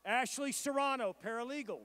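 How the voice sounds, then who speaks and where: At a college commencement, a man with a strikingly high voice reads out graduates one at a time. His delivery is measured and formal, a steady roll call of names and programs, each pronounced carefully.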